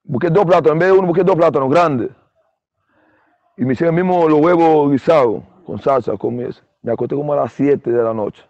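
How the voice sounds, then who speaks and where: With no room sound and a dull, muffled, dry recording, this Dominican ex-ballplayer in middle age speaks a little fast in a fairly high voice with a darkish tone. As an interview guest with a Dominican Spanish accent, he recounts his story casually and performs other people's lines.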